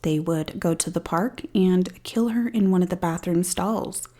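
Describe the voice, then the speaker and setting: A woman's voice: lowish voice, a little slow, warm tone. A woman hosting a true crime podcast, retelling a case with dry, sarcastic asides. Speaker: podcast host. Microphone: studio-style podcast mic.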